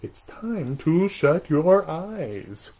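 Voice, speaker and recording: Guy doing a gentle little girl getting her toys to bed, soft and coaxing, bit higher, storybook. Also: very animated, extremely slow, breathy edge, full character voice.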